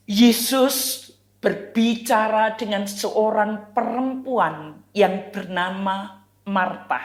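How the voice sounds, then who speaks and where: A woman pastor with an Indonesian accent preaching a sermon, telling a story with animated, acted-out quotes. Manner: animated storytelling, acts out quoted voices with raised pitch. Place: church. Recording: echoey church hall.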